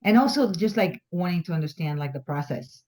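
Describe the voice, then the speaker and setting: In a group workshop, a Bulgarian woman shares her thoughts hesitantly and self-reflectively, using many fillers. Her voice sits on the low side and is mellow yet animated, at a fairly quick pace.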